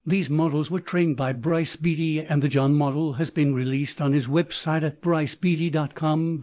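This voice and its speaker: Dark-toned synthetic male audiobook narrator. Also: fairly high pitch, dry recording, studio quality. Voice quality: synthetic text-to-speech voice.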